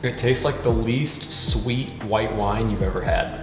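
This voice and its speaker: A giggly, tipsy man with a lowish voice hosts a casual cooking vlog. He talks in a goofy, drunken way and tends to exclaim. The room rings with long reverb, and music plays behind him. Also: measured pace. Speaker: host of a drunk cooking video. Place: indoors in a kitchen.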